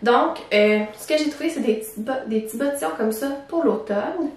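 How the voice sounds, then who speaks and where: A woman's voice: a little high, fairly quick, a little mellow, slight background noise. A woman with a Québécois French accent, a teacher chatting casually about clothes she bought, with many fillers. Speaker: teacher vlogger. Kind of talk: casual fashion haul chat. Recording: very echoey room, far from the mic.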